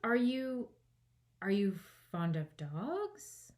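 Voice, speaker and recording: A woman's voice: mid-range voice, big pitch swings, drawn-out words, darkish tone. A woman voicing an eager, polite young girl who chatters earnestly and apologises readily, in a children's storybook reading. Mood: apologetic, anxious.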